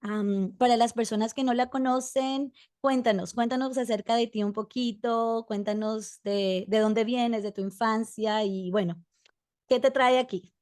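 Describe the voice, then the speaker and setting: A woman's voice: a little high, fairly even intonation, unhurried, a little mellow. A woman hosting a casual interview, asking questions and reacting eagerly to her guest. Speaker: podcast host.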